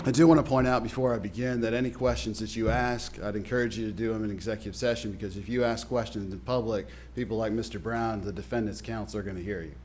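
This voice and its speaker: A man with a voice affected by illness, giving a measured, formal legal briefing as an attorney at a public meeting. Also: lowish voice, fairly even intonation, darkish tone, slight background noise. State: under the weather, voice affected by illness. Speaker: county's attorney briefing officials.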